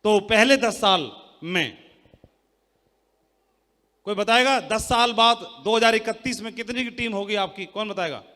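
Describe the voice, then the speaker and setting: Loud, bright-voiced man in an echoing hall. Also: sits high, a little slow, pauses often. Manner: loud, teasing, quizzes the crowd. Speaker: seminar speaker. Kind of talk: motivational sales talk to a live audience. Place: large hall with an audience. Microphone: handheld mic.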